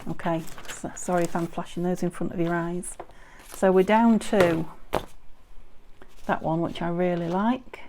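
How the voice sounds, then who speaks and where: Lady muttering through her crafts, bit of creak, heavy rain and faint noise behind her. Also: on the low side, fairly even intonation, a little slow, dark tone, low-quality recording. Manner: musing, self-questioning, chatty. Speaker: craft video maker. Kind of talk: casual crafting chat, thinking aloud. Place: indoors by a window in heavy rain. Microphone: wired microphone, occasionally bumped. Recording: clicks and background noise, hammering rain.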